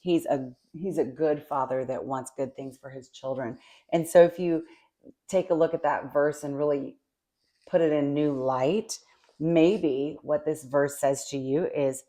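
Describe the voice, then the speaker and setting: Low-voiced lady on a faith podcast, soft and reflective, lots of ums and you knows. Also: steady tone, measured pace. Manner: soft-spoken and reflective, with many fillers. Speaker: co-host.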